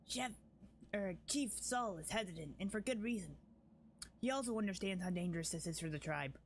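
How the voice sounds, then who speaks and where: Grim proud tracker woman from a fantasy game, pitched up a bit, a guy reading her lines aloud, faint hiss behind. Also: lively intonation, fairly quick. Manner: grim, urgent, dismissive.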